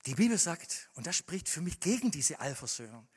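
A man preaching a sermon to a congregation, moving between quiet, measured scripture reading and loud, impassioned emphasis. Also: fairly high pitch, big pitch swings, slightly rough. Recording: hall with long reverb.

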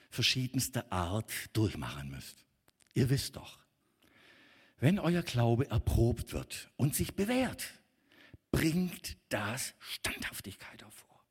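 A middle-aged man preaching a sermon as pastor, emphatic and animated with sudden loud outbursts. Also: medium pitch, breathy edge. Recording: long reverb of a church hall.

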